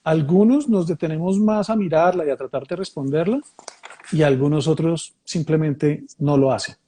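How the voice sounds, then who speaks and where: A man's voice: a little high, normal speed, mellow, slightly rough. A man, born in Mexico and raised in Colombia, thoughtfully explaining ideas in a conversation, often rephrasing and repeating phrases. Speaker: speaker leading a reflective conversation.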